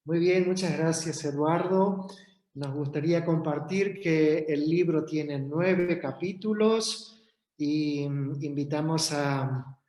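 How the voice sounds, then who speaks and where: Slow presenter in an echoey room. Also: male voice, a little high, a little mellow. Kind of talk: event moderation.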